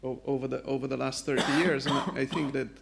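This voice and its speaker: A man with a strongly gravelly, fry-heavy voice speaks on a conference panel. He builds his case point by point with firm emphasis. His pitch sits in the middle range. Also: flat delivery, fast talker, slight background noise. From Slovenia. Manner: assertive, structured, emphatic.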